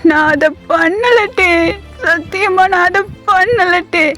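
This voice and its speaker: A woman's voice: very high voice, fairly quick, darkish tone, soft background music. A woman voicing a heartbroken young man who cries and pleads, repeating himself through tears, in a storybook reading. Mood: tearful pleading. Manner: tearful, pleading, repeats phrases. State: crying.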